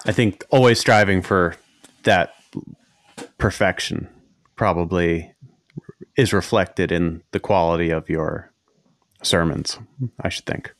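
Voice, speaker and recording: A podcast host with a slight New England accent and a faint nasal whine chats casually in an interview, rambling and restarting often. His deep voice has a fairly bright tone, and he speaks slowly with long pauses in a recording with no echo.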